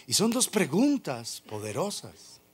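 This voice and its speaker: A man's voice: on the high side, wildly swooping pitch, unhurried, a little hiss or hum. A man preaching a sermon, emphatic and drawn out, full of rhetorical questions.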